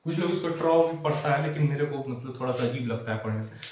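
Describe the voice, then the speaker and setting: A man's voice: mid-range voice, fast talker, a little mellow, a little hiss or hum. A man tutoring physics in a chatty, casual way, checking that students follow and wandering into jokes. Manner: digresses with jokes. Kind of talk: casual classroom lecture. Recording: echoey room, far from the mic.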